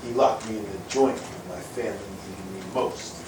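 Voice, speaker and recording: A man's voice: lowish voice, moderate pace, lightly acted. A man playing a menacing gangster kidnapper. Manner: slangy tough-guy menace. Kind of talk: live community stage play. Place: theater stage. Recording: distant echoey hall recording, noisy.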